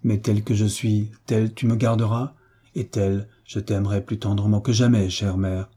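A pleasure-loving young aristocrat refuses his mother gently but firmly, as read by a male narrator. His voice is very dark and mellow, with a husky edge. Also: fairly low pitch, moderate pace. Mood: tender. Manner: calm, tender, quietly defiant. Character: carefree young nobleman, gentle but firm son.

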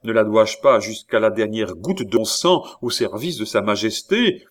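A haughty, defiant count declaiming in a low, ringing voice, as a male storyteller plays him. His pitch rises and falls theatrically and he mocks as he speaks. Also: lively intonation, moderate pace.

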